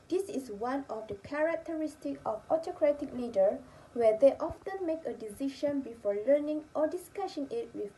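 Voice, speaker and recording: A young woman presents from a script like a student. Her voice is high and mellow, over faint background noise. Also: rough recording. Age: young adult.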